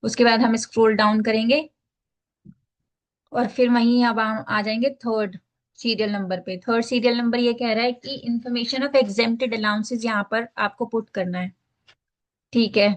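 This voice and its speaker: Speaking a little slowly in a fairly high, steady voice, a woman teaches a tax filing form by screen share. She breaks it down step by step, uses English phrases within her Hindi, and keeps checking in by repeating "ठीक है."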